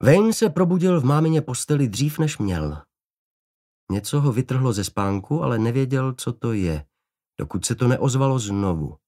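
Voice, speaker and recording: A man reading an audiobook in a measured, steady narrating voice. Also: medium pitch.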